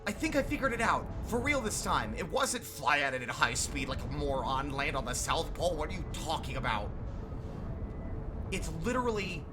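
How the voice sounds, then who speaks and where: A man commentating his own gameplay, thinking aloud and bursting into excited exclamations. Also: a little high, moderate pace. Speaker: streamer playing a video game. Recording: game music behind.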